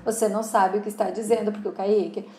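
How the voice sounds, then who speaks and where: A woman's voice: medium pitch, level tone, fast, a little mellow, slight background noise, lightly acted. A woman reading as a desperate grieving woman. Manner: pleading, repetitive denials. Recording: roomy echo.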